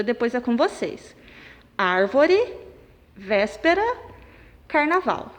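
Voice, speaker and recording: A woman, a primary school teacher taking children through a worksheet. She speaks slowly and punches out stressed syllables. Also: fairly high pitch. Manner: slow, clapping out syllables and stressing them loudly. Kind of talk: recorded remote lesson for children. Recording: long reverb, room echo.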